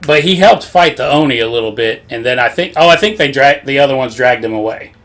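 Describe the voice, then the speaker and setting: A man's voice: medium pitch, lively intonation, quick pace, a bit bright. Rambling, laughing man recapping a game. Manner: rambling, profane, laughs often. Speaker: podcast co-host. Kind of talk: casual game recap chat.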